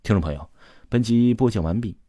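A man's voice: fairly low pitch, a little fast, mellow, no echo, clean studio sound. A man narrating a first-person story as an audiobook reader, in a sorrowful storytelling delivery with frequent erhua endings.

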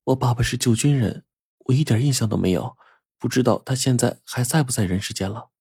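A man's voice: medium pitch, normal speed, dark tone, slightly rough, no room sound, studio quality, voice pushed up. A man voicing a young orphaned woman who sobs and stammers as she pleads. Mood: soft wistful. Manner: sobbing, stammering pleas.

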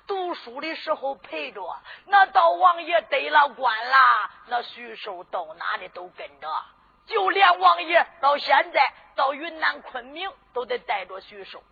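A woman telling a traditional tale dramatically, rising to shouts, on a dull lo-fi recording. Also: high-pitched, very animated, unhurried. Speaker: storyteller. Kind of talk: traditional sung-spoken storytelling.

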